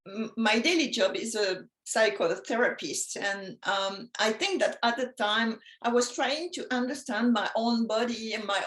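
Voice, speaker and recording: A woman from France with a French accent, speaking English as a guest in a casual interview, talking slowly with many pauses and soft laughs. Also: medium pitch. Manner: slow, halting, many ums, soft laughs. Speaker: guest artist. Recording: echoey room.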